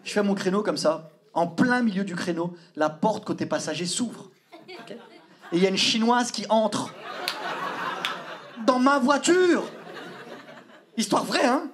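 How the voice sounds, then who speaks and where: A young man telling a stand-up story on stage, animated, acting out voices and sometimes shouting. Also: high-pitched, a little slow, pauses often. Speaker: stand-up comedian. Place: theater stage before a live audience. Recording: live show with loud laughing crowd and noise.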